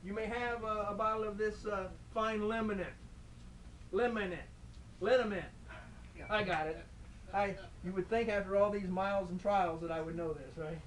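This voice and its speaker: A man playing a folksy traveling liniment salesman, giving a comic live pitch with halting, wry patter. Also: fairly even intonation, close to an everyday voice. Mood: wry selling. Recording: distant mic, light background noise.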